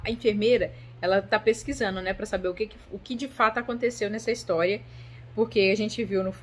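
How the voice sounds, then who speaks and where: A woman's voice: mid-range voice, slight background noise. A woman casually talking her viewers through a horror film, chatty and direct, often checking in with them. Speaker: YouTuber reviewing a horror film. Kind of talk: casual film commentary vlog.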